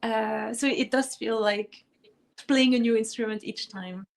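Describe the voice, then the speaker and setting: A middle-aged French woman, a native French speaker, appears as a guest musician in a conversational interview, laughing lightly and often restarting her sentences. Her voice is fairly high, steady, a little slow and creaky.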